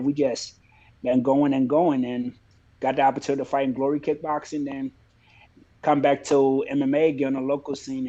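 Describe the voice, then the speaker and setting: A man from Liberia who fights professionally, talking about his career in a relaxed, plainspoken way in a casual interview. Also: mid-range voice, highs cut off. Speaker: MMA fighter, guest.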